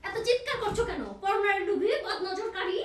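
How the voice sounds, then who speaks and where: An actress playing Babita, a sharp-tongued young wife in a comedy TV drama who scolds her husband. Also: fairly quick, reverberant, recorded from a distance, a little hiss or hum. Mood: scolding. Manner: shrill, scolding.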